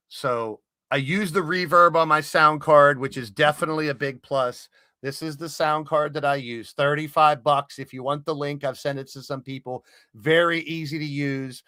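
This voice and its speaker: A man's voice: a little high, bright, forceful tone, no echo, clean studio sound. A man hosting a live stream, talking casually and explaining things step by step with many fillers. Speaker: stream host.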